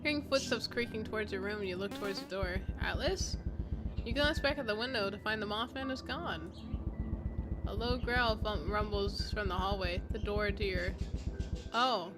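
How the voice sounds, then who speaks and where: A woman's voice: medium pitch, normal speed. A woman streamer reading a story aloud in narration, with casual asides. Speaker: streamer host. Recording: prominent music under the voice. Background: music.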